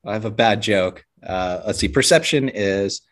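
A man's voice: fairly low pitch, moderate pace, fairly bright tone. A man playing a tabletop game, cracking jokes and giggling. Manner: jokey, giggly. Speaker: player. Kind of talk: casual tabletop play.

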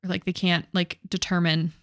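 A woman's voice: fairly low pitch, level tone, moderate pace, dry recording, studio quality. A young woman co-hosting a podcast, retelling a ghost story in casual chat, swearing and using many fillers. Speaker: podcast co-host.

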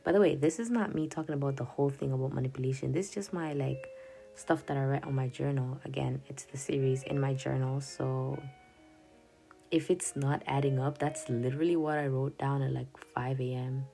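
Her voice is bass-deep, creaky and warm, with fairly even intonation and a fairly quick pace, though the recording quality is poor. A young Swahili-speaking woman hosts a casual podcast, rambling over her journal notes with frequent laughter, self-interruptions and "yada yada," as faint music plays.

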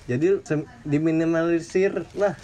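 Young male co-host, slang, joking, reads comments aloud, slightly high voice, faint room noise. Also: steady tone, unhurried, mellow. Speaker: podcast co-host. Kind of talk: casual group chat.

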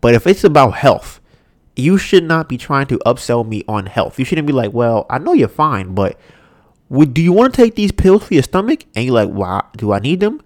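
A young male podcast host rants casually on his own, his voice stuffy and nasal, at a normal pace. He's animated, swears a lot, and mocks others in high, put-on voices. The studio-quality recording has no room sound.

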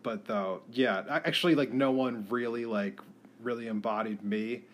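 A man's voice: medium pitch, moderate pace. A man co-hosting a podcast, ranting emphatically in casual chat. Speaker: podcast co-host.

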